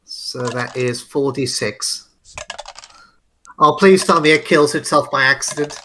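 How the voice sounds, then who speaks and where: A man's voice: medium pitch, measured pace, pushed and bright, slight background noise. A man playing a tabletop game, hesitant with many fillers and playful swearing. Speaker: player. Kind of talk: casual tabletop game play.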